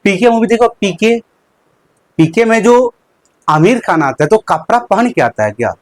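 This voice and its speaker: Teaching a live lecture online, a young man speaks in a high-pitched, expressive voice at moderate speed on a dry recording. He asks questions only to answer them himself, repeats important terms, and handles a handkerchief as a prop.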